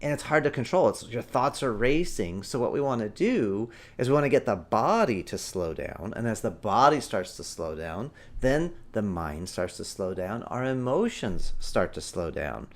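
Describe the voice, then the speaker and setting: A man in his thirties hosting a parenting show, giving emphatic, animated advice that swings between loud and hushed. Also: fairly low pitch, normal speed, hardly any pauses. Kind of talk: energetic parenting advice talk.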